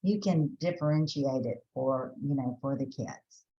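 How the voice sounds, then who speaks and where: The woman's pitch is extremely low and her pace a little slow, heard in an echoey room on a lo-fi recording with slight background noise. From Texas with a Southern accent, she presents a teacher training webinar chattily, often restarting sentences and thinking aloud with fillers.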